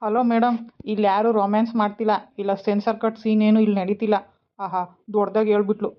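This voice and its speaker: An actress playing a teasing husband torn between two wives, with a quick, teasing way of talking. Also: female voice, medium pitch, level tone, close to an everyday voice. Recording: dull lo-fi sound.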